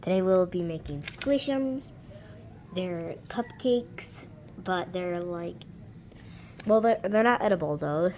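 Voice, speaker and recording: A woman hosting a casual craft how-to, chatty and rambling, with a slightly hoarse voice from losing it a little. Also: lowish voice, slow, darkish tone, a little hiss or hum, low-quality recording. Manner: chatty, rambling, trails off mid-sentence. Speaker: craft video host.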